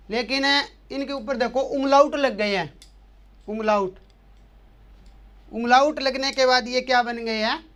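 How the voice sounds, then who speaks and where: A man's voice: extremely high pitch, fairly bright tone. A man teaching the German alphabet, patiently drilling each letter by asking a question and then answering it again and again. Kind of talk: language lesson explaining letters.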